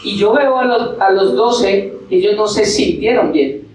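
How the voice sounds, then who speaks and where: A man preaches to his congregation, firing rhetorical questions and acting out quotes. His voice sits at a middle pitch. It bounces around a very echoey hall and is picked up from far off, with a faint hiss underneath. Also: unhurried, darkish tone. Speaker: pastor. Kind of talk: sermon.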